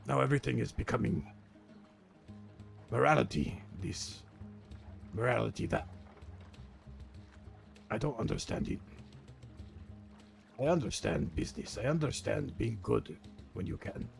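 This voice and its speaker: Guy doing a grumpy old gangster, super gravelly n low, weary, halting, game roleplay. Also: expressive, soft background music, full character voice. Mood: grumpy, confiding. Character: grumpy old male crime organization veteran, weary and fatalistic. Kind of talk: improvised online role-play.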